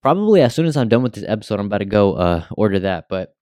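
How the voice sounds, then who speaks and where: Smooth low-voiced young American man with braces. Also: very animated, very fast, a little mellow, no room sound, clean studio sound. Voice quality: talking with newly fitted braces. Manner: slangy, swearing, rambling. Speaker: podcast host. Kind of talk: casual solo podcast chat.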